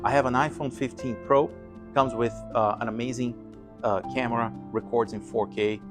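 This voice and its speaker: With music playing behind him, a pilot and aviation vlogger runs through his gear in a relaxed, conversational walkthrough to camera. He speaks at normal speed in a medium pitch with fairly even intonation.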